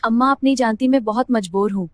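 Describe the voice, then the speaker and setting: A distraught young woman pleading with her mother, her voice lifted higher than the performer's own, as a woman plays her. The delivery is anxious and imploring throughout. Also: quick pace, dry recording, lightly acted. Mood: distressed. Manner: pleading, raised put-on voice. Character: distressed grown daughter, tearful and desperate. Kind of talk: family drama acting.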